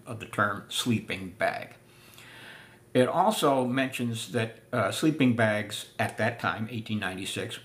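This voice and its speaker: An older man giving a casual spoken history lesson, unhurried with many filler pauses, seated in a room full of antiques. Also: on the low side, bright, forceful tone. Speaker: living history presenter.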